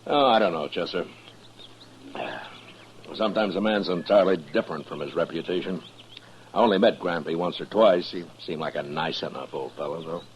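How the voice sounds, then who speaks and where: An actor playing a calm, dry-humored frontier marshal in an old radio western, speaking in an easygoing, wry way, heard over AM radio. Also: male voice, deep voice, moderate pace, slight background noise. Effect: old AM radio broadcast sound. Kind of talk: 1950s radio drama acting. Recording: muffled lo-fi old radio broadcast.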